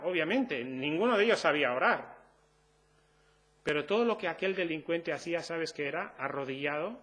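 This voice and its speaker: A man's voice: fairly high pitch, a bit bright. A man preaching a sermon in an earnest, conversational way, asking the congregation rhetorical questions.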